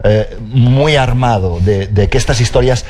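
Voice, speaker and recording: A man speaking as co-presenter at a book presentation, conversational and halting, repeating himself. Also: medium pitch, a little mellow. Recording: live event with background noise.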